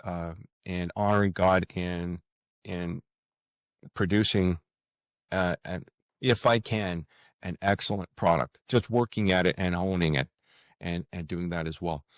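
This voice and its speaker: A male guest author with a deep, low voice answers interview questions in an easygoing, conversational way, earnest yet faltering as he reaches for words. His tone is clear and resonant, and the dry sound carries no echo and little room.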